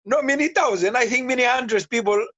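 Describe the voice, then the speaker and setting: A man from Syria with a Syrian Arabic accent, talking on a video call in halting, simple English with lots of repeated words, tired and thirsty from fasting. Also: very high voice, fairly bright tone, no echo, muffled recording. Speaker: guest. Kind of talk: casual chat on a video call.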